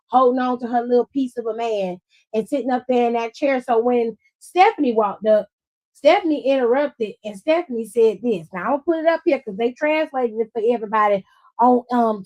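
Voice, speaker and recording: A woman's voice: on the high side, moderate pace, a little mellow. A woman hosting a casual livestream recap, talking in a sassy, blunt and profane way and laughing often. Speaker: host of a wrestling after-show.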